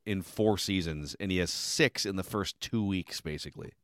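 An animated man with a lowish voice co-hosts a casual sports podcast, joking and citing numbers. His voice is recorded dry and close. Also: moderate pace, no room sound.

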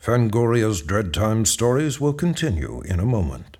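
A man's voice: fairly low pitch, very animated, moderate pace, darkish tone, slightly rough. A man reading scripted announcements for a radio horror show as its announcer.

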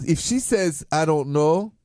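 A man's voice: fairly high pitch, expressive, unhurried, warm tone, dry recording, studio quality. A man with a French accent chatting casually as a radio co-host, romantic and earnest in manner.

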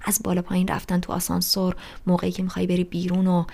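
A woman voicing a restless teenage boy who rants loudly about everything in an audiobook reading. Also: fairly low pitch, completely flat delivery, creaky. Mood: exasperated. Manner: loud, rushed, ranting complaints.

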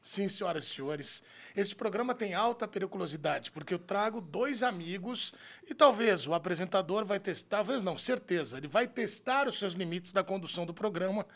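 A Brazilian man hosts a talk show in a high-pitched voice. He presents it like a ringmaster, with showy, theatrical announcements addressed to the audience. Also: lively intonation, fairly quick, vocal fry, fairly bright tone.

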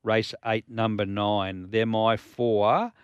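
A man's voice: on the low side, flat delivery, slow pace, clean tone, no echo, dull audio. A man with an Australian accent hosting a horse racing show, giving tips in a confident, assured tipster manner.

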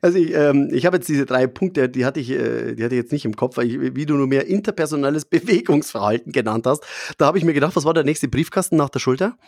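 A man's voice: medium pitch, lively intonation, quick pace, vocal fry, a little mellow, dry recording, studio quality. A man co-hosting a casual podcast, painting playful vivid pictures as he talks. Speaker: podcast co-host.

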